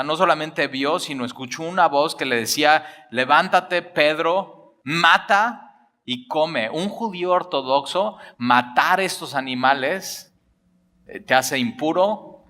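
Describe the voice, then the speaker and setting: Bright-voiced pastor preaching with animation. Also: male voice, on the high side. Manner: animated storytelling, acting out dialogue with jokes. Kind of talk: sermon.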